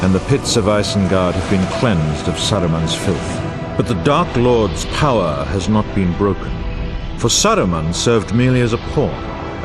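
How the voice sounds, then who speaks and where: A low-pitched male actor voices a grave, wise war narrator in a fantasy video game. His delivery is dramatic, archaic and formal, set over music.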